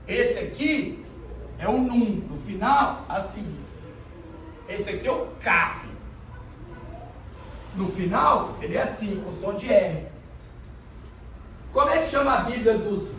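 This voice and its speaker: A man's voice: sits high, a bit bright, slight background noise. A man preaching a sermon as pastor, explaining things and questioning the congregation. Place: church hall. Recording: echoey church hall, mic from a distance.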